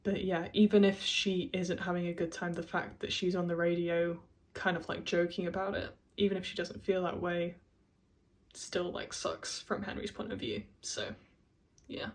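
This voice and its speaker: A woman's voice: fairly low pitch, little pitch movement, normal speed. Chatty woman giving video essay commentary. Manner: chatty, many fillers, laughs often.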